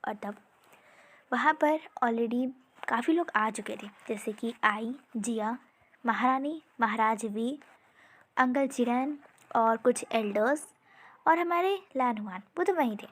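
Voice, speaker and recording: A woman narrating a fan-fiction story with expressive, conversational warmth. Her voice sits high and lively through the telling. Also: slow pace. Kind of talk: reading fan fiction aloud.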